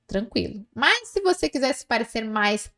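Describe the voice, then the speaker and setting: A woman teaching Spanish pronunciation, slow and patient, repeating words for learners to echo. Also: on the high side, very animated, sharp tone. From South America. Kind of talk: language lesson with pronunciation drills.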